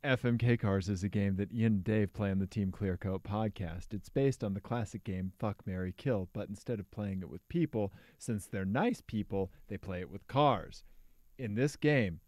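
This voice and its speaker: A man voicing a mock-serious game announcer in a put-on foreign accent, deadpan and formal. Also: lowish voice, normal speed, no echo, studio quality, pitched below the performer's own voice, lightly acted.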